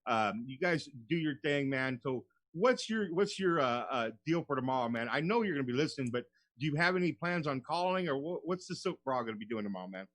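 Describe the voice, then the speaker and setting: A man's voice: mid-range voice, lively intonation, brisk, hardly any pauses, a bit bright, no echo. A man hosting a radio show in casual, slangy, buddy-like chat, often calling people bro.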